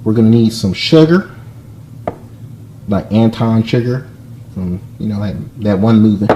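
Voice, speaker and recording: A man putting on a Southern drawl to play a folksy country cook giving a joking cooking lesson in a deadpan way. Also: lowish voice, close to an everyday voice. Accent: put-on Southern US drawl. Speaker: home cook. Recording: echoey room with faint noise.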